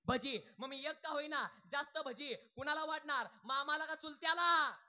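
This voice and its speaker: A male kirtan preacher, telling jokey village stories and quizzing his crowd for loud answers. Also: very high-pitched, normal speed. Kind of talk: humorous devotional kirtan sermon.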